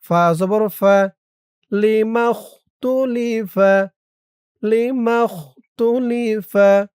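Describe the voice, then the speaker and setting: A teacher spelling out an Arabic prayer word by word for viewers, stretching the recited words slowly and explaining quickly in between, addressing listeners directly. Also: medium pitch, darkish tone, no echo, studio quality. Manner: slow drawn-out recitation, quick plain explanations.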